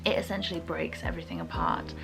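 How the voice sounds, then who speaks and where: Talking casually about books, a young female reviewer speaks quickly with big swings in pitch. Her voice sits fairly low with a distinct creak, and she's chatty and informal, frequently hedging what she thinks, over background music.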